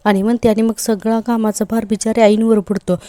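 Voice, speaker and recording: A woman recapping a television serial episode, retelling it in a lively way and quoting the characters. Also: on the high side, brisk, dry recording. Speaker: serial reviewer.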